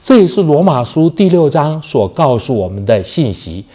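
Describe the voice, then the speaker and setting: A man preaching a sermon. He poses rhetorical questions and answers them himself, slows down to stress key phrases, and starts many sentences with the same habitual filler word. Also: on the high side, big pitch swings, mellow. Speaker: pastor.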